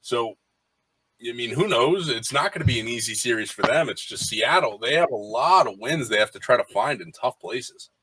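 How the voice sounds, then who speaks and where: A man's voice: medium pitch, expressive, normal speed, a crowd in the background, rough recording. A man co-hosting a podcast, talking baseball casually with lots of fillers and restarts. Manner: rambling with frequent fillers and restarts. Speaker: podcast co-host. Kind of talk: casual sports chat.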